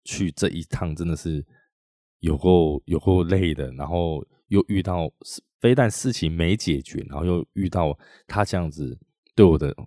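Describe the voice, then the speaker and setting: Male podcast host, Taiwanese Mandarin accent, deep voice, dry close sound, chatty storytelling. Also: mellow, dry recording. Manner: chatty, with frequent drawn-out tag particles. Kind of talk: casual storytelling monologue.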